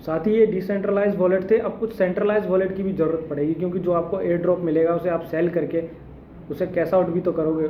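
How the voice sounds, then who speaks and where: A man's voice: high-pitched, mellow, reverberant, slight background noise. A young man explaining step by step in a casual tutorial, mixing English tech terms into his speech. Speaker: crypto tutorial host. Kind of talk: casual screen-recorded tutorial.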